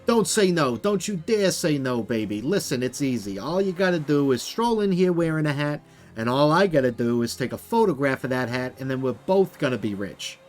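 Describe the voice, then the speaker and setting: A man voicing a brash, fast-talking male hat photographer who flatters everyone and calls them baby, in a video game. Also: on the high side, natural voice. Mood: pushy flattering.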